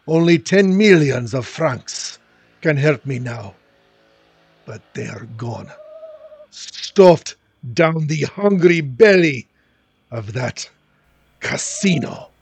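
A man voicing a ruined, bitter aristocrat count who speaks in a slow, brooding, melodramatic way. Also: medium pitch, vocal fry, a little mellow, slightly rough, no echo, full character voice.

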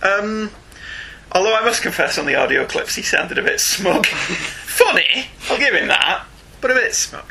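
A man's voice: high-pitched, moderate pace, vocal fry, breathy edge. A middle-aged man hosting a podcast, reading listener emails in casual chat and laughing often. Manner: animated, laughs often, reads emails aloud.

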